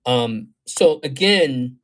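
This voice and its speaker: His voice sits at a medium pitch, expressive and with drawn-out words, as he gives astrology readings live online. Thoughtful and wandering, he leans on ums and you-knows, reading chat messages out loud and reacting to each one.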